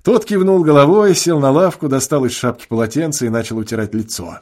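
A man reading classic prose aloud as an audiobook narrator, in an expressive, theatrical way. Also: medium pitch, brisk.

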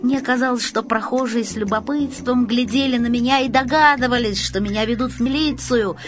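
A woman narrating a story in an expressive reading voice. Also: fairly high pitch, brisk. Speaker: audiobook reader.

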